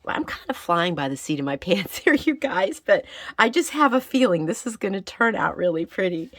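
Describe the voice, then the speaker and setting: A woman with a gravelly, raspy whiskey voice, roughened by a recent illness, hosting a casual craft tutorial and chatting as she thinks aloud. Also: mid-range voice, big pitch swings, normal speed, fairly bright tone, dry recording. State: getting over a recent illness. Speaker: craft channel host.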